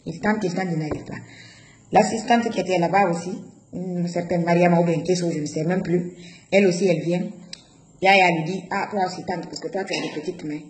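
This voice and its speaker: A woman's voice: lowish voice, steady tone, fairly quick, darkish tone. A woman from Guinea, giving an emotional personal testimony and stumbling and repeating herself as she tells her story. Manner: emotional, repeats "je dis" and stumbles over words. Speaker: interviewee recounting her own childbirth. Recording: roomy echo with faint noise.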